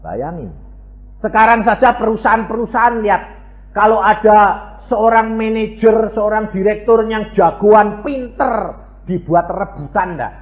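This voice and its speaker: A man preaching a lively sermon. He swings between loud, high exclamations and low, quiet asides, and he keeps putting questions to the congregation. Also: unhurried, faint music behind. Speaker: pastor. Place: church. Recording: echoey church hall through a thin phone-like sound.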